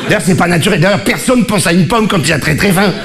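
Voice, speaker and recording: A man, doing a rambling, self-mocking stand-up routine with quick asides and stammered restarts. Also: high voice, animated. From Marseille, southern France. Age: 40s. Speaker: stand-up comedian. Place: live comedy stage before an audience. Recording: live show with crowd noise. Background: audience laughter.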